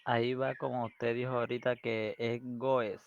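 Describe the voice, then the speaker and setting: A man's voice: medium pitch, level tone, moderate pace, muffled recording, slight background noise. A male student giving short, tentative answers in an online class.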